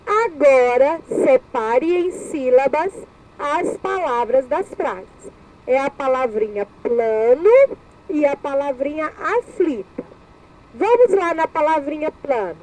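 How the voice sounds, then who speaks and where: Slow, lilting Brazilian teacher woman. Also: high-pitched, expressive, a little mellow, poor audio. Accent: Brazilian Portuguese. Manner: slow, syllable-by-syllable, repeats each word. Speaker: primary school teacher. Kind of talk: recorded lesson for young children.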